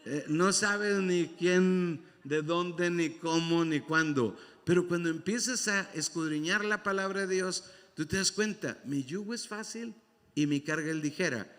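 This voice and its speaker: A man preaches in a church, his voice pitched high for a man. He repeats his key lines and calls on the congregation to respond. A long reverb from the sanctuary trails every phrase. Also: fairly bright tone. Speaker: pastor. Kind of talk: sermon.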